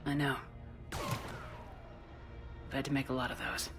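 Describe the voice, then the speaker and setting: A woman's voice: very deep voice, huge pitch swings, slow pace, vocal fry, full character voice. A woman playing a determined military commander in a video game, with a direct, composed way of talking. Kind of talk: video game dramatic acting. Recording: game dialogue over music.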